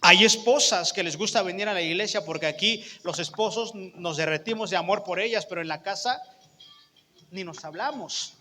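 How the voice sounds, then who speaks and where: A man's voice: high voice, moderate pace, sharp tone, a little hiss or hum. A man preaching a sermon with a Mexican accent, conversational, often putting questions to the congregation, with long church hall reverb. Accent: Mexican Spanish.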